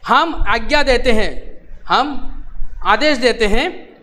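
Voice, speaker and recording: Storybook king, read by a male teacher, formal and decreeing, high-pitched. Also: takes it slowly, sharp tone, in a large hall, slight background noise, exaggerated voice. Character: old king giving a royal decree.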